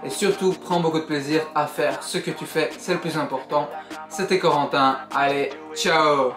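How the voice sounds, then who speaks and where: An earnest young man talks straight to his viewer in a casual vlog, encouraging and friendly. His voice sits a little high, and the room around him rings with echo. Soft music plays faintly underneath. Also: moderate pace. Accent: Belgian French. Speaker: YouTuber. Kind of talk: book summary vlog.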